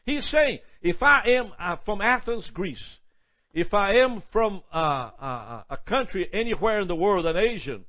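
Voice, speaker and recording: A man preaches a sermon in a high voice, stacking up long emphatic lists. He stumbles and repeats words as he goes. The recording sounds dull and lo-fi. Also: very animated, measured pace.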